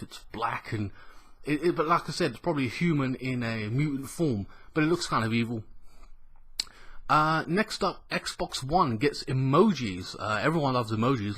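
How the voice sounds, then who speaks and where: Croaky man hosting gaming news. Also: medium pitch, a bit bright. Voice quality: slightly croaky throat. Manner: rambling, colloquial, sweary. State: ill with a cough. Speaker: gaming news show host. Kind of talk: casual gaming news vlog commentary.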